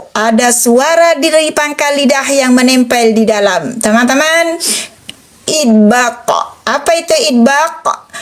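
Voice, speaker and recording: A woman teaching Quran letter pronunciation in an online lesson, patiently repeating and drilling each sound. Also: sits high.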